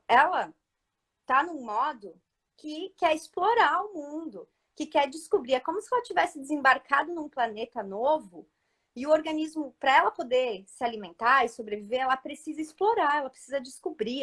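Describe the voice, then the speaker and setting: Brief: mother as guest speaker, high voice, patient and explanatory, frequent "right?" asides. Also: normal speed. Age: adult mother. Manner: calm, explanatory, often checks in with listeners. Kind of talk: live talk giving parenting advice.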